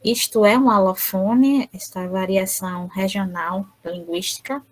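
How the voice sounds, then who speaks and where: Woman voicing a lecture, halting. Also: medium pitch, steady tone, low-quality recording. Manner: halting, frequent tag questions. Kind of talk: interpreted online lecture.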